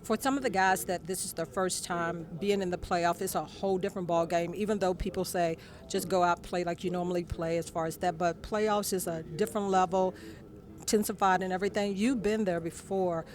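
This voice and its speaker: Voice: mid-range voice, steady tone, fairly quick. A sports reporter asking interview questions in a locker room.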